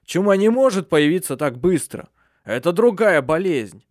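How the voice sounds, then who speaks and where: A man's voice: sits high, big pitch swings, moderate pace, dry recording, clean studio sound, pitched above the performer's own voice. A man voicing the eldest soldier, fearfully blaming a witch's curse in an audiobook. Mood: grim. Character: eldest grim male soldier.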